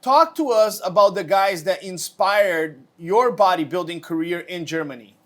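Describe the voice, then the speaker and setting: Co-host: man with a high voice, eager and full of praise. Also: normal speed, a bit bright. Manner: enthusiastic, praising. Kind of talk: casual interview talk.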